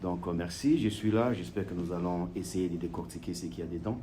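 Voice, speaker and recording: A Congolese man whose first language is French, a police officer appearing as a guest author, answers interview questions in a low, slightly quick voice. He hesitates, filling his speech with fillers and restarts, but grows more animated as he goes. There's a touch of background noise.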